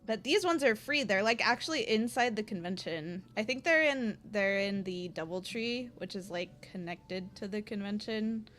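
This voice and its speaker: A woman's voice: medium pitch, lively intonation, normal speed, few pauses, a bit bright, soft background music. A young woman streaming and chatting casually with her viewers, full of slang and filler words.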